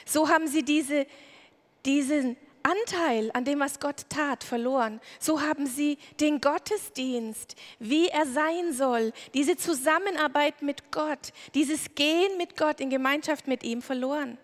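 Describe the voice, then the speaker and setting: A woman's voice: sits high, unhurried. A woman preaching a sermon, retelling a Bible story vividly and acting out the characters' lines. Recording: long hall reverb.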